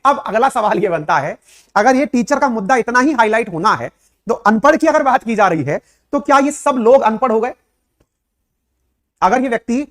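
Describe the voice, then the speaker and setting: A man who teaches current affairs, explaining to his viewers in a conversational lecturing way, full of rhetorical questions and direct address, with English words mixed in. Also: high voice.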